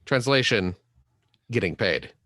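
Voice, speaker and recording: Bright-voiced joking guy on a podcast, voice jumps all over, dry mic. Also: lowish voice, lively intonation, no echo. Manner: joking, quick puns and silly bits. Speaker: podcast co-host. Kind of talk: casual chat.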